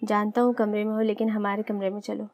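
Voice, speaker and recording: Woman voicing young husband, proud, stubborn, firm then tender, level flat delivery, storybook romance. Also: medium pitch, dry recording, natural voice. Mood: stern.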